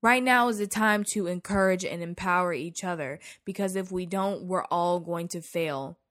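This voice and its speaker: A woman's voice: fairly low pitch, normal speed, fairly bright tone. A woman co-hosting a podcast, speaking in an emotional, heartfelt and pleading way. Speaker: podcast co-host. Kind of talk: casual podcast chat.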